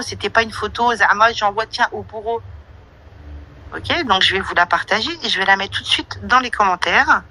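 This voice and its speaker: A woman's voice: medium pitch, bright, forceful tone, rough recording. A woman hosting an online audio room, giving a brash, slangy, confrontational monologue. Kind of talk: casual monologue with listener questions.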